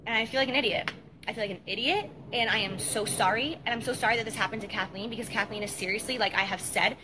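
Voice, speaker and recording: A woman's voice: mid-range voice, fast, noisy background. A young woman giving a rambling, emotional apology in a self-recorded vlog outdoors, repeating herself often. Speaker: beauty vlogger. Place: outdoors at night with mosquitoes.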